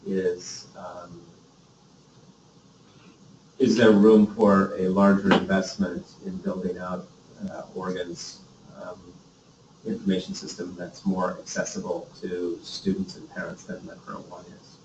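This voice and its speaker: A man's voice: deep voice, flat delivery, unhurried, noisy background. A man in a committee meeting discussion, speaking earnestly and trailing off at the end of his points. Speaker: committee member. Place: meeting room. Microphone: distant room mic. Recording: dull, echoey meeting room from far off.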